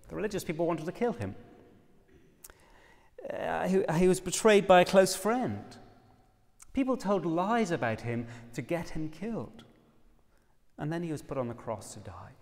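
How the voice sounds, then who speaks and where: Irish man, sermon, emphatic delivery, slightly high voice, long church reverb. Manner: expressive, emphatic preaching with quoted scripture. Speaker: preacher.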